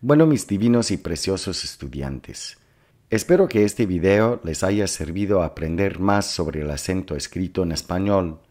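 A male Spanish teacher in a scripted lesson, explaining slowly and carefully and breaking words into syllables, fond of his students. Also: low voice, animated, a little mellow. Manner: affectionate toward students.

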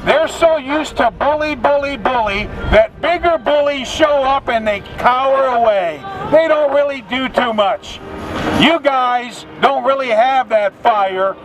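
A man's voice: extremely high pitch, a little slow, background noise. A middle-aged man preaching at a roadside protest, scolding and taunting through a megaphone. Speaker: street preacher. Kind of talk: confrontational street preaching. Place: outdoors at a busy roadside. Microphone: camera held close, speaking into a megaphone. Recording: loud crowd and music behind.

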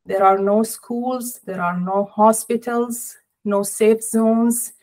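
Middle-aged woman, interview guest, video call audio, slow and deliberate, sorrowful tone, small indoor room. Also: fairly high pitch, steady tone, darkish tone, rough recording. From Palestinian, family in Jordan. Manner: measured, sorrowful, deliberate pauses. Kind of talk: personal interview. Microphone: laptop or webcam on video call.

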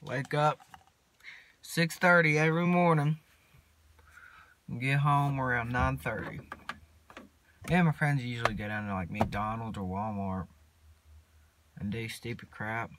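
A teenage boy, rambling casually to his phone camera from inside a parked truck, mumbling in a laid-back drawl with long pauses. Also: medium pitch, steady tone, fairly bright tone. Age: teens. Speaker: vlogger. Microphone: phone camera at arm's length.

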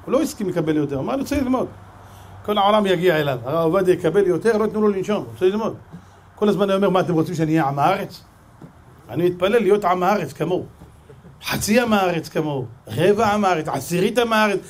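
A man with an Israeli Hebrew accent, a rabbi giving a sermon full of stories and acting out the dialogue. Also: high voice. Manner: animated storyteller, acts out dialogue. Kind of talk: sermon with storytelling.

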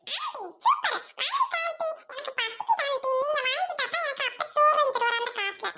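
Cheeky lil cartoon boy done by a woman, squeaky high n whiny. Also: very animated, a little fast, sharp tone, a little hiss or hum, full character voice. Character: small cheeky boy, the vendor's son.

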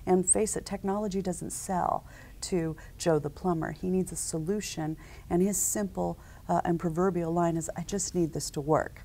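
Seated as a guest for a conference interview, a woman in her forties who founded a company gives conversational answers. She speaks in a measured, businesslike way, filling pauses with ums and uhs, and her low voice has a gravelly edge and a dark, mellow color.

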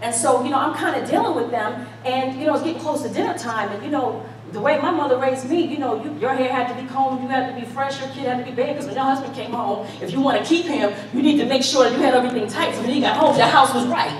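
A crowd is audible behind a middle-aged American woman whose voice sits high as she preaches at a quick pace with few pauses. Her animated, conversational call-and-response sermon is folksy and emphatic, aimed directly at the congregation in front of her on an indoor church stage. The echoey hall is captured on a distant mic, with audience murmur.

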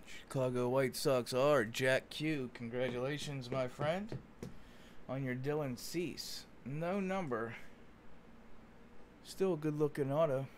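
Against slight background noise, a man with a mid-range voice talks slowly while hosting a sports card break indoors at a card-covered table. He chats in a homey, casual way as he opens cards, like he's addressing friends.

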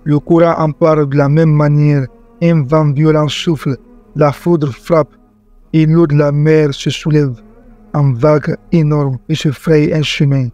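A man narrating a religious story in a measured, earnest scripted style. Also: fairly high pitch, flat delivery, mellow. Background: faint background music.

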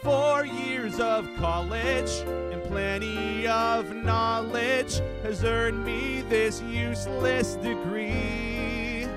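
A man singing as an anxious young male college graduate, in a light pop voice held slow and high. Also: steady tone, loud music behind the voice, exaggerated voice. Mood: wistful. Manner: sung slowly and high.

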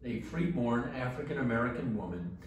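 In a small church chapel, an older male rector leads morning prayer, reading steadily from a book in a mid-range voice with lively intonation and a brisk delivery. A distant camera picks him up, so the sound is far away and very echoey, with slight background noise.

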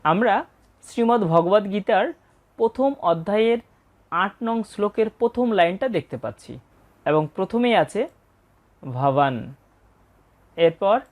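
Woman teaching slow, careful verse recitation. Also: on the low side, darkish tone. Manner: patient, breaks words into syllables; chants verses slowly and deliberately. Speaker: scripture pronunciation teacher. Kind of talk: explanatory lesson with slow recitation.

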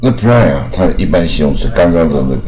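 A man teaching English pronunciation, saying each word slowly several times and often ending his phrases with a drawn-out "ah". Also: extremely low pitch, lively intonation, noisy background. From Taiwan.

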